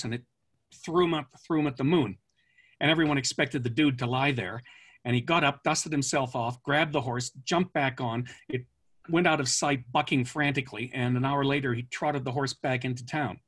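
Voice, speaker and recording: A man's voice: medium pitch, moderate pace, fairly bright tone. A man born in France and raised in Canada, an author being interviewed, telling long anecdotes with lots of fillers and restarts. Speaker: author guest. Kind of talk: relaxed storytelling interview.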